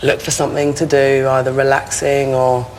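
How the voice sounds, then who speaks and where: A man leading a guided meditation in a slow, soothing way. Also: medium pitch, completely flat delivery, a little hiss or hum, rough recording.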